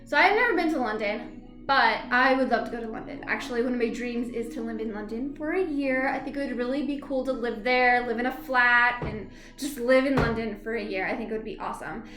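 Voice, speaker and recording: A high-pitched woman chats loosely to camera, rambling and laughing as she goes. Her voice bounces around a noticeably echoey room, and faint music plays underneath. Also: fairly quick, fairly bright tone. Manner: chatty, rambling, often laughs and hums filler syllables. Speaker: vlogger reviewing a TV episode. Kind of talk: casual rambling chat to camera.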